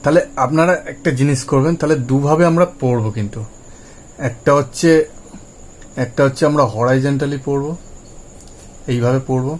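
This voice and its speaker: A man with a Bengali accent gives a language lesson in an even, mid-pitched voice. He talks patiently and spells out letter sounds one by one, repeating them for his viewers. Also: brisk, pauses often, slight background noise. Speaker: English teacher.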